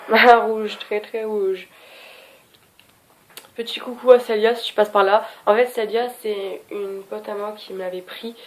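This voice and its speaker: A young French woman reviewing her lipsticks in a casual, chatty, scattered, self-mocking way. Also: mid-range voice. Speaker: beauty vlogger.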